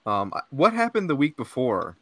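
Very animated and forceful, this podcast host has a bright, mid-range voice at a moderate pace. The young man chats casually and rambles, laughing a lot and leaning heavily on "like" and "dude." He's recorded on a podcast mic.

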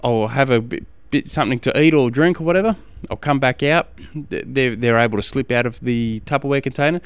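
Casual coaching advice comes from a male podcast host with an Australian accent, his medium-pitched voice clean in tone. He halts and repeats phrases often while explaining, and the recording has no echo.

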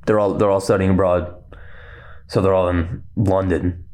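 A young man hosting a casual solo podcast, rambling quickly and laughing often. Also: deep voice, steady tone, a little mellow. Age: young adult. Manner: rambling and fast-talking, with frequent laughs. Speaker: podcast host.

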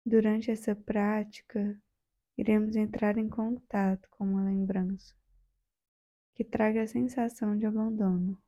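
In a flat, medium-pitched delivery, a woman with a Brazilian accent leads a gentle, soothing meditation, pausing at length. The high frequencies of the recording are cut off.

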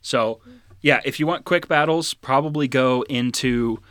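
Male co-host, easygoing and chatty, mid-pitched, dry studio-style mic. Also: measured pace, clean tone, no echo. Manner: relaxed, rambling, laughs often. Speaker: podcast co-host. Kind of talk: casual gaming chat.

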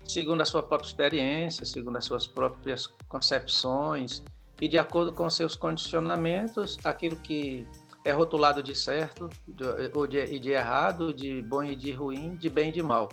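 Um professor brasileiro de sociologia, convidado, explica conceitos de forma pausada e acadêmica. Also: male voice, a little high, creaky, fairly bright tone, faint music behind. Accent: Brazilian. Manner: measured, lecturing, with pauses. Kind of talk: explanatory academic talk.

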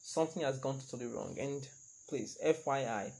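A man hosting a casual podcast, reading out strange facts and reacting to them with loud, excitable exclamations. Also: medium pitch, moderate pace, vocal fry, poor audio. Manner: animated, exclaims and teases the listener. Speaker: podcast host. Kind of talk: casual fact-sharing monologue.

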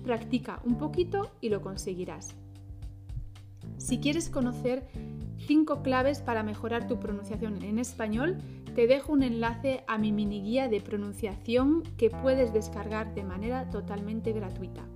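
A woman teaching a short podcast pronunciation lesson, modeling words slowly and deliberately, syllable by syllable. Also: a little high, over music.

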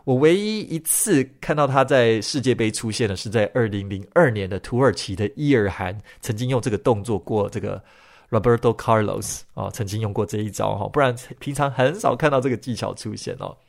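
A man hosting his own podcast and telling a story. He often ends his phrases with drawn-out particles. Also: fairly low pitch, vocal fry. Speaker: podcast host.

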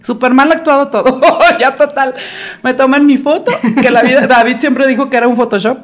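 A woman's voice: high voice, steady tone, a little fast. A woman in her forties with a Mexican accent, animatedly telling a story in a casual chat, laughing and acting out the voices. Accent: Mexican Spanish.

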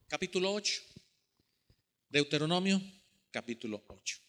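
A man's voice: a little high, lively intonation, normal speed, fairly bright tone. A man preaching a sermon to his congregation, telling a story and acting out the voices of people in it. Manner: storytelling, addresses congregation as brothers, acts out quoted voices. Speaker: pastor.

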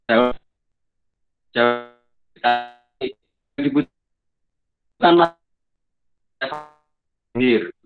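A man's voice: medium pitch, wildly swooping pitch, creaky, phone-quality sound. Man on a choppy, breaking-up video call. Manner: halting, broken-off phrases. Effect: choppy, breaking-up online call audio. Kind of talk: online meeting talk.

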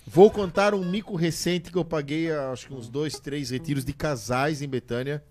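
Man, casual podcast chat, animated storyteller, slightly high voice. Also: moderate pace, soft background music. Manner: animated storyteller, laughs often. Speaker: church musician on a podcast.

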